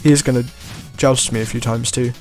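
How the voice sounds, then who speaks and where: A man giving relaxed gameplay commentary as a let's play host, often chuckling and trailing off with shrugging asides. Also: mid-range voice, brisk. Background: faint game music.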